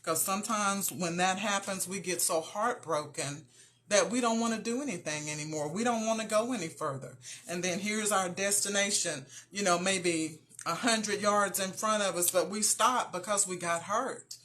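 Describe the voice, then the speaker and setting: Brief: earnest woman host, bright tone, encouraging faith talk aimed straight at her listeners. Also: mid-range voice, normal speed. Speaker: motivational show host.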